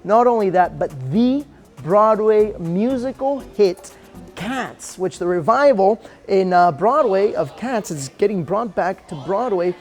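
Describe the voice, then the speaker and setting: A man's voice: high voice, animated, measured pace, darkish tone, faint music behind. A man presenting a chatty promotional ship tour as an upbeat, joking cruise director with playful emphasis.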